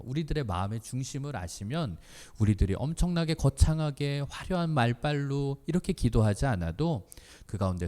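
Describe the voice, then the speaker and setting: Pastor with a mellow voice and hall reverb. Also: male voice, mid-range voice. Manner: storytelling with acted-out quotes, asks the listeners questions. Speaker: youth pastor. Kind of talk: youth sermon. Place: church chapel.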